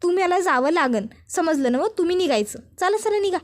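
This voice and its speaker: A woman's voice: high voice, fairly quick, natural voice. A woman doing a feisty rustic village girl. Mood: defiant scolding. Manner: blunt rustic village speech, scolding. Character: feisty young village woman farmer, defiant.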